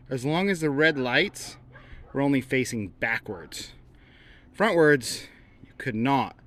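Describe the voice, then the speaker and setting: A man's voice: a little high, sharp tone. A man hosting his own hobby channel, talking casually to camera and asking his viewers questions. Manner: chatty, addresses viewers directly.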